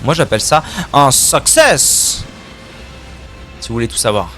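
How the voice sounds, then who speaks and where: Lively, joking male game streamer. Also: mid-range voice, measured pace, faint music behind. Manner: casual, joking, swears, chats with viewers. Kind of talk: live gameplay commentary.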